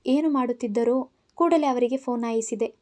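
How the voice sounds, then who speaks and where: A woman storyteller narrating in the first person, reading with feeling and clear expression. Her voice is high and light throughout. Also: fairly quick, a little mellow.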